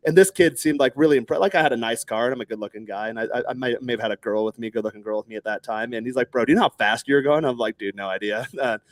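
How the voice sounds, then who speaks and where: A man in his thirties from Texas, telling stories in a casual podcast chat, animated and swearing freely, acting out other people's lines in raised voices. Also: mid-range voice, racing, hardly any pauses, no echo.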